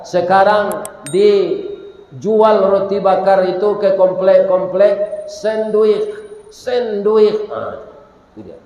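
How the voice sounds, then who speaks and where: A Minangkabau preacher tells a story in a folksy sermon, his voice pitched high for a man. He takes his time, and the words ring out with a long echo in a large prayer hall. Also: darkish tone. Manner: folksy, addresses listeners directly. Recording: echoey hall.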